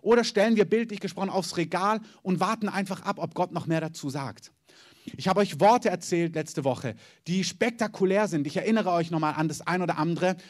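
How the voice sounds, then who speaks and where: A man's voice: high voice, fairly quick. Man preaching a storytelling sermon. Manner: punctuates points with "Amen"; storytelling with emphatic repetition.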